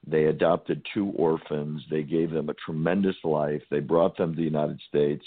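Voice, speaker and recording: Very deep-voiced male radio host. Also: no echo. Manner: indignant, emphatic opinion. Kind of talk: call-in talk radio conversation. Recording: dry tinny phone-band audio.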